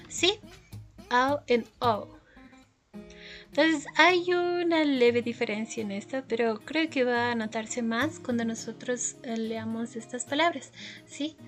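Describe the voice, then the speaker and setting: A woman giving a recorded language lesson as a teacher, explaining patiently and often checking in with her listeners. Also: a little high. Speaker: English teacher.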